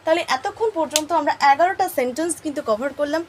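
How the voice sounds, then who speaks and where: A woman teacher, telling a story to teach English phrases, slowly repeating each phrase and checking in with her listeners. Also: sits high, slight background noise, rough recording. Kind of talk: spoken English lesson told through a story.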